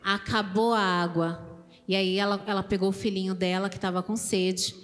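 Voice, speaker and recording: A Brazilian woman teaching a children's church service, animated and asking the kids questions. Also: mid-range voice, moderate pace. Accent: Brazilian Portuguese. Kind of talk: children's sermon. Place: church hall. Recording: church hall reverb with music behind.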